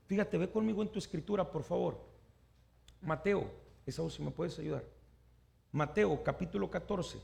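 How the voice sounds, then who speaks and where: A male preacher with a raised, high-pitched voice. His tone carries a rough, gravelly fry. He keeps turning to his listeners with questions and acts out the voices of the people in his examples. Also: normal speed, pauses often, a little mellow. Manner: asks the congregation questions and acts out the people he quotes. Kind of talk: sermon.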